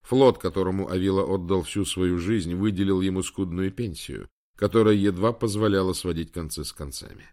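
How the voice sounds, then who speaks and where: A man narrating an audiobook in a measured, dramatic way. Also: sits low, darkish tone. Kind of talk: scripted narration.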